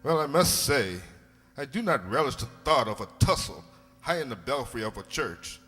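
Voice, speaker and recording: A man playing an earnest, pompous, blustering gentleman doctor, a detective's loyal companion, in a radio play. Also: medium pitch, big pitch swings, normal speed, faint music behind. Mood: agitated. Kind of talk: radio play acting and narration. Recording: echoey hall.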